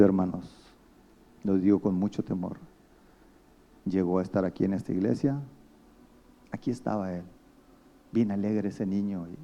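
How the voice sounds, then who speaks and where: A man's voice: low voice, warm tone, dull audio. A man with a Mexican accent preaching a sermon as pastor, telling stories and acting out the people he quotes. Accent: Mexican Spanish.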